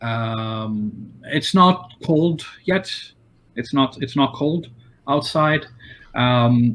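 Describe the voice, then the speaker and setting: Halting man running a tabletop game. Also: medium pitch, a bit bright. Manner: halting, many fillers and restarts. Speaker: game master.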